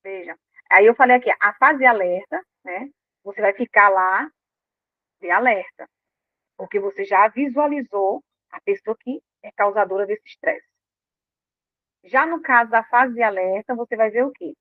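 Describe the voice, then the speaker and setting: A woman's voice: mid-range voice, normal speed, pauses often, dry recording. Woman talking over a tinny line. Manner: animated, acts out quoted inner voices. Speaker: speaker on emotional health. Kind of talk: informal talk to a live audience. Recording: dry, tinny phone-like sound.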